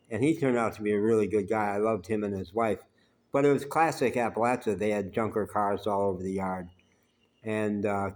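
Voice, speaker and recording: A low-voiced man, naturally loud, tells rambling personal life stories as a vlogger. He's unhurried and conversational, pausing often with "uh."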